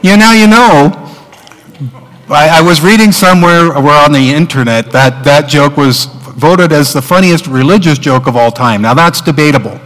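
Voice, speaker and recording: A man preaching to his congregation in a church, his somewhat high voice carried by a long hall reverb. He talks in a loose, conversational way, full of fillers and self-corrections. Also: normal speed, hardly any pauses, fairly bright tone. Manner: conversational, with filler words and restarts. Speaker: pastor. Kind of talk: sermon.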